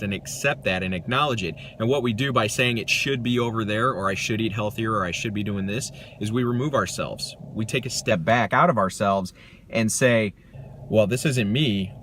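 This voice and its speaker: Earnest guy talking self-help to camera, low voice, rambly, bit of background hum. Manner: earnest, reflective, rambling with restarts. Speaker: vlogger.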